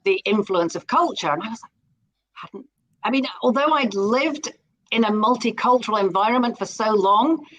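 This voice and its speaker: A middle-aged woman from Scotland is a guest in a live interview, sounding enthusiastic and often repeating words as she begins a sentence. Her voice is medium-pitched and fairly bright, though the highs are cut off.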